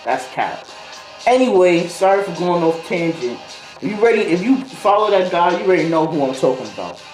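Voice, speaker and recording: This video host has a high-pitched, sing-song, slightly mellow voice and a brisk pace. He tells a casual, slangy story that rambles, improvises and slips into tangents, recorded with roomy echo and a music beat underneath.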